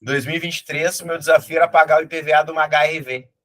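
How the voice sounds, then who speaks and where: A man's voice: a little high, steady tone, fast, pushed and bright. A middle-aged man with a southern Brazilian accent, a teacher telling folksy motivational anecdotes and acting out the characters in them. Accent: southern Brazilian (gaúcho). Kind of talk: motivational storytelling.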